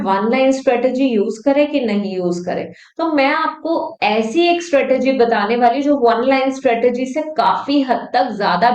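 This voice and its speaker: Slow-talking Indian woman teacher. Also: a little high, darkish tone. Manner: patient, repeats points with frequent checks for understanding. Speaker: exam prep teacher. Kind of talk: tutorial explaining test strategy. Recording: roomy, dull lo-fi sound.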